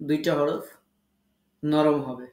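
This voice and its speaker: A man teaching an online Quran recitation lesson, explaining pronunciation rules slowly and repeating them for emphasis. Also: on the high side, fairly even intonation, a little mellow, roomy sound.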